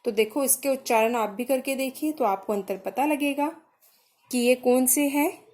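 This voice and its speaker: A young woman with a slightly high voice leads a grammar lesson. She talks slowly and patiently, saying each letter sound on its own so learners can repeat it. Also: a little mellow. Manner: patient, spells out sounds one by one. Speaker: teacher.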